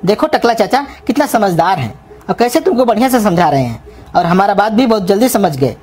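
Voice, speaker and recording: A woman voicing a scheming young man who coaxes and flatters to get free food in a comedy cartoon. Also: medium pitch, fairly quick, breathy edge. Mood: flattering. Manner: coaxing, flattering, persuasive. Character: scheming young man, sweet-talking and crafty. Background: music.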